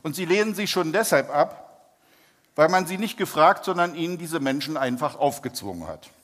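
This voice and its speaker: A man preaching and telling a testimony story, speaking in a measured way and slowing down for emphasis. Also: fairly high pitch, animated, a bit bright. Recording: long reverb, hall.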